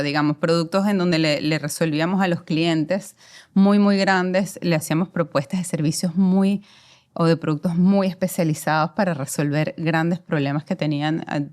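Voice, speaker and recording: In a conversational interview, a guest who works as a commercial director, a woman in her forties with a Venezuelan accent, reflects on how her career unfolded, with frequent fillers. She speaks at normal speed in a fairly low, darkish voice with fairly even intonation.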